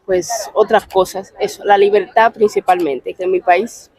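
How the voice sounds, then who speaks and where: Soft-spoken Cuban woman, dry sound. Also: mid-range voice, fairly even intonation, moderate pace, slightly rough, dry recording. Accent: Cuban Spanish. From Cuba. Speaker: street interviewee. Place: outdoors on a street.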